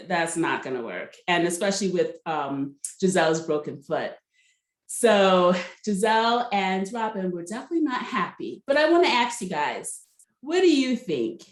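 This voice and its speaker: Chatty woman recapping reality TV, roomy echo. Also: medium pitch. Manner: gossipy, laughs often, asks viewers directly.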